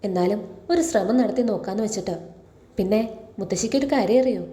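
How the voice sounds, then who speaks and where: A woman reading the lines of a gentle, resilient young woman in a serial recap. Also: mid-range voice, fairly quick, echoey room, close to an everyday voice. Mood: resolute. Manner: soft, caring questions.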